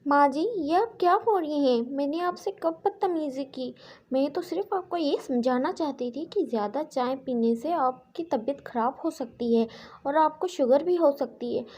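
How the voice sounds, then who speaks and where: A woman's voice: high-pitched, moderate pace, darkish tone, close to an everyday voice. A woman voicing a young, dutiful, long-suffering daughter-in-law in a cartoon story, talking earnestly. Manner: earnest, pleading.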